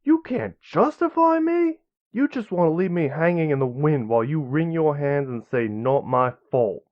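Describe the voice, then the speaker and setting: A man voicing a furious, loud male mercenary liaison who shouts and spits insults. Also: on the high side, sing-song, moderate pace, lo-fi sound, pitched above the performer's own voice.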